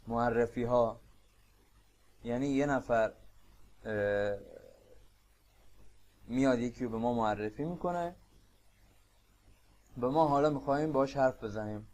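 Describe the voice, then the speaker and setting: A man's voice: mid-range voice, a little mellow. Man patiently teaching a lesson. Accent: Persian. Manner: explains patiently, repeating phrases slowly. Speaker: Spanish teacher. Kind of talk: explaining a language lesson.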